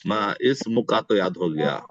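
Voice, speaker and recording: A man, teaching Arabic in an online class and drilling words slowly by repeating them. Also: lowish voice, expressive, no echo. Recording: dull, dry online class audio.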